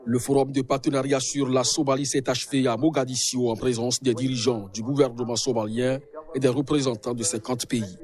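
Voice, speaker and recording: A man's voice: medium pitch, level tone, fairly quick, darkish tone. A man reading a news report in a formal way.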